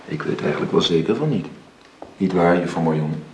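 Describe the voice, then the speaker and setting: An actor playing a measured, courteous, quietly reproving man in an old radio drama, formal. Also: sits low, expressive. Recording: roomy, slightly noisy radio drama recording.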